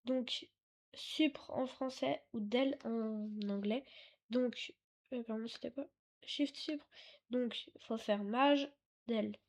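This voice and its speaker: A woman's voice: fairly high pitch, takes it slowly, darkish tone. A woman hosting a casual computer tutorial, hesitant and apologetic, full of fillers and self-corrections, at her computer with a desktop mic she sometimes drifts away from. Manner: apologetic and chatty. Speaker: tech tutorial host. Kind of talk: casual screen-recorded tutorial. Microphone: desktop mic, sometimes too far away.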